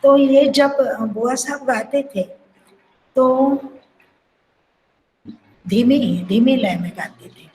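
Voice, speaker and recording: Slow-spoken older woman dance teacher. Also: sits high, a little mellow, rough recording. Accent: Marathi. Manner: reflective, sings phrases to illustrate. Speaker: kathak guru teaching. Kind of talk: lecture with sung syllables.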